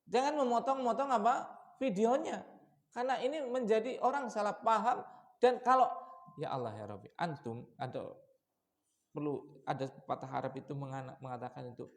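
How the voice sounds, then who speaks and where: Man, preacher, mosque study session, animated swings between loud and quiet, questioning listeners. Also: normal speed. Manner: lively, shifts from loud warnings to low asides, asks the audience questions. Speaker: Islamic preacher.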